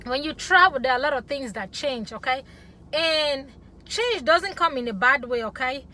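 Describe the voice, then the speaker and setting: A woman's voice: high voice, lively intonation, moderate pace, sharp tone, slight background noise. A woman from Africa talking passionately to camera, emphatic and punctuating her points with "okay?". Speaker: vlogger. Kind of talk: opinionated talk to camera.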